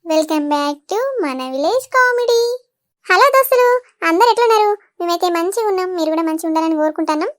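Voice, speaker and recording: Telangana lady hosting, upbeat, talks right to viewers, very high voice. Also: fast, no echo, studio quality. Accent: Telangana Telugu. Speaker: channel host. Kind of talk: cheerful channel intro.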